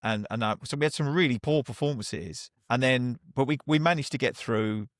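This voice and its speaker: Analytical podcast co-host, frustrated. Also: male voice, medium pitch, moderate pace, dry recording, studio quality. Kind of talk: casual podcast chat.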